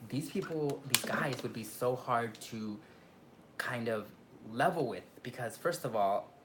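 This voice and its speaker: A man co-hosting a casual reflective chat, thinking aloud in halting, repeated phrases. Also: medium pitch. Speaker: drag queen reviewer, co-host. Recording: clear background room noise.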